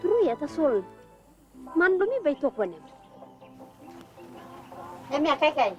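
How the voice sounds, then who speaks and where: An agreeable, plain-spoken woman played by an actress speaks Papua New Guinea pidgin with a Papua New Guinean accent. Her voice is very high and animated in an acted story, with faint music behind her. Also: unhurried, highs cut off. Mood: agreeing. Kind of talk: acted Tok Pisin dialogue.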